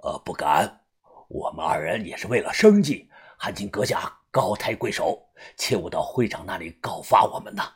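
A man's voice: sits low, lively intonation, moderate pace, husky, voice pushed down, heavily acted. A man voicing a fat old martial artist in an audiobook, humbly pleading and opening with a hesitant "uh". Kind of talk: audiobook character voice.

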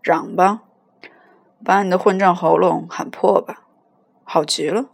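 A crude, menacing man who runs a hotel elevator, read by a woman. He talks bluntly and with a threat behind it, in a low, husky voice. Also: fairly even intonation, measured pace, full character voice.

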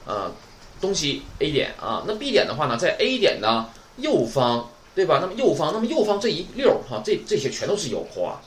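A man's voice: on the high side, wildly swooping pitch, a little fast. A man, teaching an online class. He is chatty and keeps asking the class "right?". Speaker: Japanese teacher.

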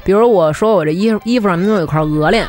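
A woman's voice: fairly low pitch, rapid-fire, a little mellow. A woman with a Beijing accent co-hosting a casual comedic talk show, explaining dialect words as she goes. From Beijing, China. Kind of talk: casual comedic group chat. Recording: music under the talk.

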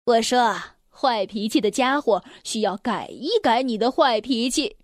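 A woman's voice: on the high side, animated, unhurried, dry recording, clean studio sound, voice pushed down. A woman voicing a cheerful, good-natured man in a children's storybook, easygoing and teasing.

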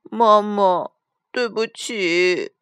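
Storybook casting: a small girl bear cub, high and pleading, slow, dry close sound, a woman putting her on. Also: lively intonation, no echo. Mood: tearful. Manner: pleading, questioning.

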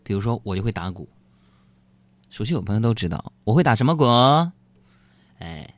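A man's voice: animated, a little fast, darkish tone, no room sound. Playful man hosting a comic radio monologue. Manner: playful, self-mocking, sings in a falsetto. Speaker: radio show host.

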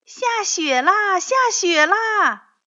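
A woman doing an excitable young rabbit boy. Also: high voice, unhurried, pitched above the performer's own voice, full character voice. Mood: excited. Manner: eager, exclaiming. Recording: dull lo-fi recording.

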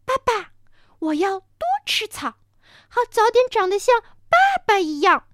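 Baby ankylosaurus played by a woman: tiny, clingy, very high and sing-song, dry close sound. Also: animated, a little slow, no room sound, full character voice. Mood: tender. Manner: high bright childlike calling. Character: small sweet baby ankylosaurus, trusting and clingy. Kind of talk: storytelling performance.

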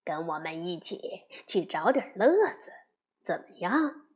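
A swaggering bully boy bear, as a woman puts him on, loud, mocking and full of taunts. His voice swings up and down as he jeers in a children's storybook. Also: medium pitch, sing-song, slow pace. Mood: hushed.

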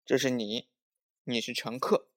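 A man voicing an eager, stubborn little boy who brags in a childish, excited voice. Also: medium pitch, a little slow.

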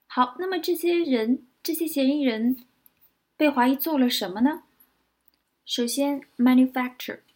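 A woman teaching English vocabulary in a lesson, spelling words out letter by letter and repeating example sentences slowly. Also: sits high, darkish tone.

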